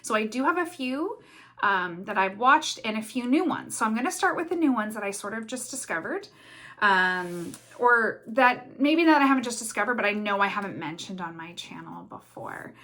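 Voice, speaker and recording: A woman from Canada chatting casually in a craft vlog, talking fast and rambling with many fillers and restarts. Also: medium pitch, animated, fairly bright tone. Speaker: cross stitch vlogger.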